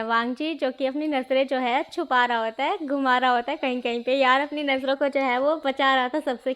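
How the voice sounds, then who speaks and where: A woman's voice: sits high, fairly bright tone. A woman casually retelling a fan story, chatty and full of fillers. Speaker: fanfiction storyteller.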